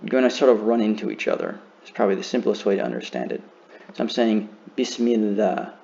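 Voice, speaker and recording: A man teaching a beginner lesson, slowly and carefully demonstrating how each word is pronounced. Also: on the low side, gravelly, darkish tone, dull audio. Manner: slow, careful demonstration of pronunciation.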